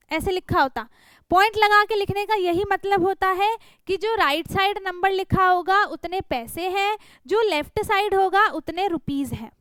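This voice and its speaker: A woman's voice: very high voice, fairly bright tone, no room sound. A young woman, teaching a worksheet to small children and patiently checking that they follow along. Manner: patient, checks in with "theek hai" and "hai na". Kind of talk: explaining a worksheet to young pupils.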